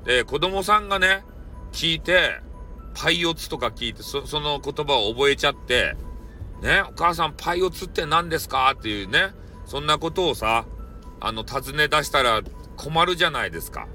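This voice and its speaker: A man's voice: mid-range voice, expressive, normal speed, bright, forceful tone, soft background music. A man with a Hakata dialect hosting a solo podcast, joking around in a playful, mock-formal way. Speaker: podcast host, storyteller. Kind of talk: casual solo podcast talk.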